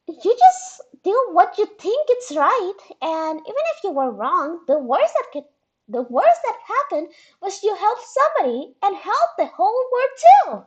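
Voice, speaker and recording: A woman doing a giddy young sea troll girl with a high, squeaky voice that bounces all over the place. She sounds cheerful and bubbly, like a chirpy cartoon sidekick. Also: very animated, unhurried, lo-fi sound, full character voice. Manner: squeaky and giddy, says glub.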